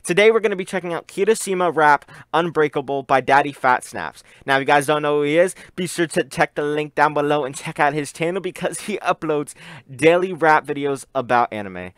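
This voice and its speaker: Man reacting on camera, muffled mask voice, slangy and hyped, fairly high voice, dry close sound. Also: a little fast, fairly bright tone, smooth, no room sound. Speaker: reaction video host. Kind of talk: casual reaction vlog. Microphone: desk microphone.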